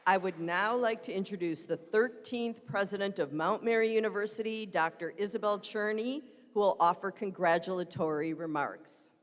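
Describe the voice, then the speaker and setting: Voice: medium pitch, normal speed, few pauses. An emcee making announcements at a graduation ceremony in a large venue, and playful with the audience. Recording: long hall reverb with a faint crowd.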